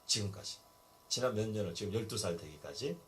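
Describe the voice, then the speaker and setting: A man's voice: fairly low pitch, expressive, fairly quick, a bit bright. Middle-aged guy pastor preaching, storytelling style, voice swings up and down a lot. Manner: storytelling, acting out dialogue. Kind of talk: sermon. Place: church basement hall.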